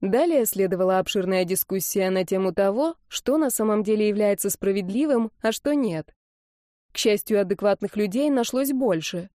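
A young woman narrating a first-person audiobook in a lively, expressive way. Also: medium pitch, moderate pace, dry recording, clean studio sound.

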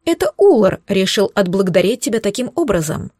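Woman reading a gruff young guy, curt and protective, dry close sound. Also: mid-range voice, big pitch swings, a little fast, a little mellow, dry recording.

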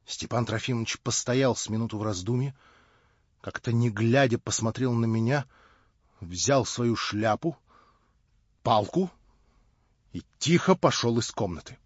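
A man narrating a literary audiobook in a subdued, measured way. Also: medium pitch, husky, no echo. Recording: dry, slightly dull audiobook recording.

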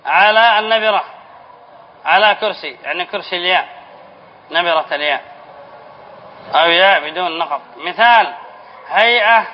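A man with a high voice teaches a spelling lesson, asking the class a question and then answering it himself. He repeats each rule and dictates example words slowly. The recording is muffled and lo-fi, with a faint hiss behind him. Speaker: Islamic studies teacher.

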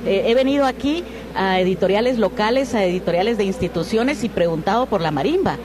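A book editor being interviewed answers questions in an enthusiastic, flowing way, with a mid-range, animated voice that runs a little fast. Crowd noise and a noisy outdoor traffic background surround her.

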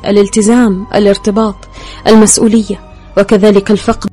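Quick-reading female audiobook narrator. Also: medium pitch, mellow. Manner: intimate first-person storytelling. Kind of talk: scripted narration.

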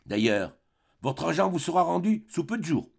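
A man's voice: on the high side, very animated, moderate pace, gravelly, breathy edge, pitched above the performer's own voice, full character voice. A man reading an audiobook, voicing a naive, timid young male artist who speaks hesitantly and earnestly.

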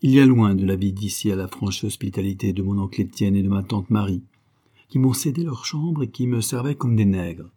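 Man reading a diary aloud, dark husky voice. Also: lowish voice, a little fast. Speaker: audiobook reader.

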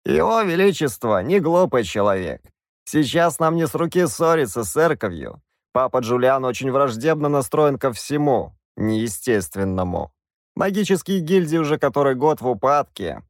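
A man's voice: medium pitch, sing-song, moderate pace, no room sound, clean studio sound, voice pushed up. A man voicing a hesitant, fussy old court wizard. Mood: cautious.

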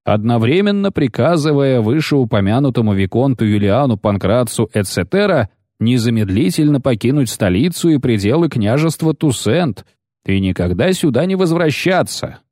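A man's voice: medium pitch, warm tone, no echo, clean studio sound, pitched above the performer's own voice, lightly acted. A man playing a doleful court official. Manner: formal, dreary, proclamatory. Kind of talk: audiobook character voice.

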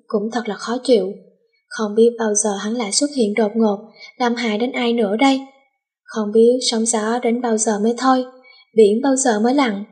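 A woman narrating a novel as an audiobook, reading in a steady storytelling manner with a breathy voice. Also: fairly high pitch.

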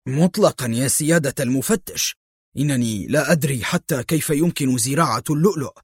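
A man's voice: medium pitch, fairly quick, slightly rough, no room sound, clean studio sound, natural voice. A man voicing a nervous businessman who hides a crime ring, blustering yet shaken, in an audiobook story.

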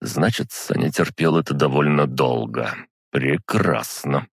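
A man narrating a first-person audiobook in a measured, dry storytelling manner. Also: a bass voice, gravelly, breathy edge, no room sound.

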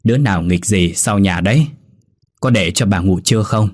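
A man's voice: low voice, moderate pace, husky. A man voicing a stern, irritable older woman who runs a household and scolds her servants, in a ghost story. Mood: scolding. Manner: sharp, scolding, orders servants.

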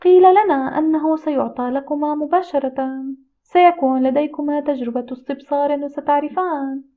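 A woman voicing a calm female spirit medium, speaking in a gentle, measured, instructive way. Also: sits high, natural voice. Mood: serene. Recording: tinny phone-like audio.

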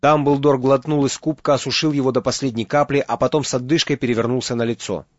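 A man reading an audiobook as narrator, in steady dramatic storytelling. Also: medium pitch, quick pace, no echo, dull audio. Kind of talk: scripted narration.

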